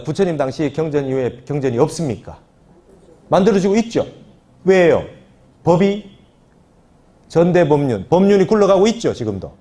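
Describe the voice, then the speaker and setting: Monk guy teaching scripture, mellow voice, bouncy intonation, keeps checking the class agrees. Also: fairly high pitch. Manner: explanatory, repeats key phrases and asks the class for agreement. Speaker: Buddhist monk lecturer.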